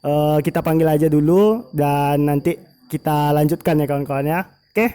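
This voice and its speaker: Heavy background noise surrounds a slightly high, steady male voice at normal speed. He's a motovlog host casually interviewing a racing team, full of filler words and repeatedly speaking to viewers as his friends.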